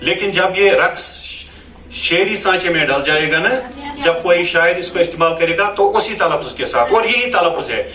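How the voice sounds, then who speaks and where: A man's voice: on the high side, animated, moderate pace, crowd noise. A man teaching a lesson, explaining pronunciation patiently and often checking that his students follow. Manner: explanatory, repeats "है ना" to check understanding. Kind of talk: classroom lesson on Urdu poetry recitation. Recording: echoey room, mic at a distance.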